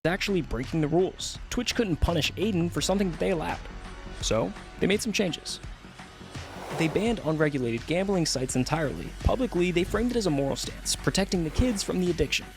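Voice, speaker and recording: Fast, lively male documentary narrator. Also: on the high side. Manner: dramatic storytelling delivery. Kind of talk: scripted narration. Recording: narration over clear background music.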